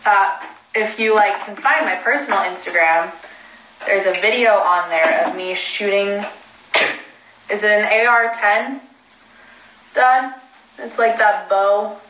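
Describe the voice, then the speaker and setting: A woman's voice: medium pitch, slow, pauses often, fairly bright tone, a little hiss or hum. A young woman hosting a casual livestream from home, chatting in a rambling, self-mocking way while talking on a phone. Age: young adult. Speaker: livestream host. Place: indoors at home. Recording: echoey room.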